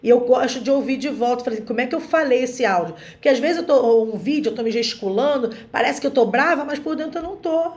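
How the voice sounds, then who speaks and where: A middle-aged woman speaks in a somewhat high voice in a relaxed online group chat. She talks in an animated way and slips into other voices to act out what her children and father say. She sounds like a guest speaker sharing her own experience. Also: fast, few pauses. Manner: animated, acts out quoted family dialogue. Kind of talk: casual online group talk.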